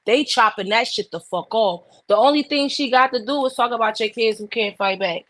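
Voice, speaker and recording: Fired up and blunt, this podcast co-host swears her way through a heated casual argument. She speaks briskly in a fairly high, slightly bright voice, and the recording is dry.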